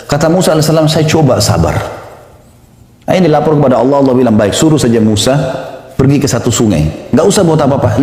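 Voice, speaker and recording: A man's voice: on the high side, warm tone. A male preacher telling a story in a sermon, animatedly acting out the dialogue of the people in it. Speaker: Islamic preacher. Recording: echoey hall with long reverb.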